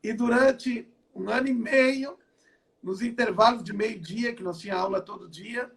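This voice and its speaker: An older Brazilian man from the south, both apostle and pastor, recounts his testimony in an online interview from home. His voice sits high with a fairly bright tone and a measured pace, and he tends to repeat and restart phrases.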